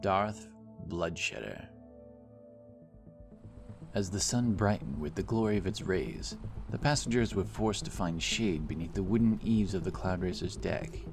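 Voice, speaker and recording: A man reads a scripted fantasy story as an audiobook narrator, his low voice expressive and a little slow. A clear music bed plays behind him.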